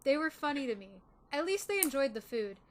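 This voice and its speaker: A woman's voice: high-pitched, very animated, fairly quick, a little hiss or hum. Chatty woman reading a game aloud. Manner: giggly, chatty. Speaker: game player and narrator. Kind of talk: reading a dating sim aloud with commentary.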